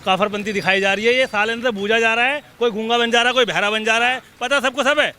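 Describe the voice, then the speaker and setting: A man's voice: very high voice, quick pace, sharp tone, a little hiss or hum. A male passerby giving angry, coarse opinions in the street, swearing as he talks. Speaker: passerby interviewee.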